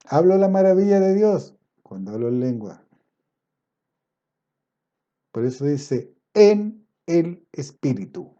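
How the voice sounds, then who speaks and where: A man preaching a sermon, swinging between loud emphatic passages and low quiet asides, and drawing out scripture quotes slowly. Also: highs cut off. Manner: quotes scripture in a slow, drawn-out cadence.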